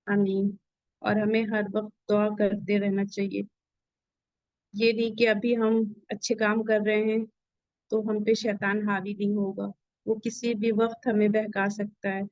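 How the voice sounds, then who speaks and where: A woman's voice: medium pitch, little pitch movement, a little mellow, dry recording, highs cut off. A woman teaching a Tajweed lesson. She speaks patiently, repeats each point, and models sounds syllable by syllable. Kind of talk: online Quran recitation lesson.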